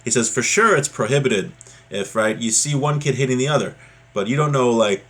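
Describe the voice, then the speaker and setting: Speaking fairly quickly with lively intonation and a medium pitch, this man teaches an informal religious lesson. He reads a passage aloud, then explains it in a chatty, explanatory manner, often asking "right?" to check in.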